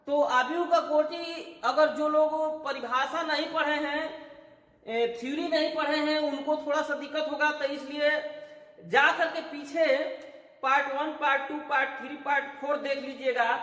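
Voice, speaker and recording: A man's voice: very high voice, a bit bright. A man teaching a math lesson, explaining step by step, counting aloud and checking that students follow. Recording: echoey room with long reverb.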